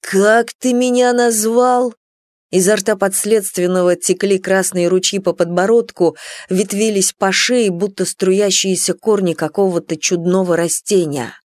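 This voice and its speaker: A woman narrating an audiobook in a measured, dramatic storytelling manner. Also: mid-range voice, fairly even intonation, a little mellow, no room sound.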